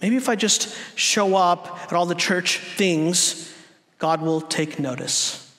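High-voiced animated male preacher. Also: slow, in a large hall. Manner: animated, acts out quoted voices, swings from loud to hushed. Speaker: guest preacher. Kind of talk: sermon. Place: large dark church stage.

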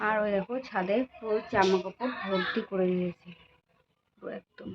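A young woman chatting casually as she films a home lifestyle vlog, narrating her day in a soft, chatty way. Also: mid-range voice, steady tone, moderate pace, heavy background noise. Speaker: lifestyle vlogger. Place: home, kitchen and rooftop. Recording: dull lo-fi phone audio with faint music.

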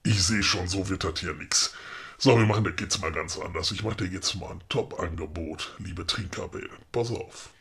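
A man's voice: low-pitched, moderate pace, fairly bright tone, breathy edge, heavily acted. A man with a Ruhr German accent playing a grumpy but helpful middle-aged woodcarver in a comedic audio play, chummy and matter-of-fact. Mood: scheming.

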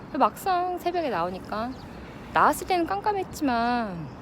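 A woman's voice: sits high, big pitch swings, normal speed. A woman in her thirties talks casually and reflectively to her vlog audience while running outdoors, breathing with some effort between phrases. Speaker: vlogger. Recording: noisy outdoor ambience with wind or traffic.

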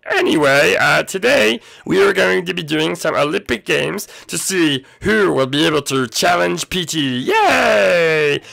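A man's voice: fairly high pitch, a little slow, vocal fry, few pauses, full character voice. A man voicing an eager, nervous turtle henchman who stammers and fills his talk with ums. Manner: stammering, excitable, with many ums.

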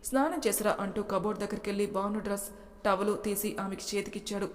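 A woman storyteller reading a romance story aloud in a steady, even way. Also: mid-range voice, fast talker. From Telugu-speaking India. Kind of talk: storybook narration. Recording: reverberant room.

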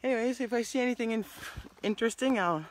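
A woman's voice: on the high side, quick pace. A middle-aged woman chatting casually on a nature trail, rambling with lots of fillers, recorded on a phone held at arm's length outdoors. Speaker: hiking vlogger. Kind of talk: casual chat.

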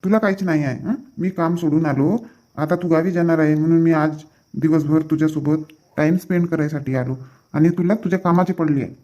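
A man's voice: fairly high pitch, steady tone, fairly quick, warm tone, lo-fi sound, natural voice. A man playing a young husband who sulks mildly and pleads with his wife to sit with him in a comedy sketch.

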